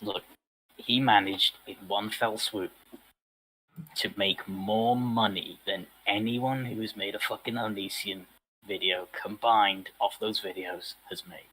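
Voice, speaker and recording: A man's voice: lowish voice, steady tone, unhurried, sharp tone, breathy edge, low-quality recording. A man co-hosting a casual chat show, cracking dry, sardonic jokes. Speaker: co-host.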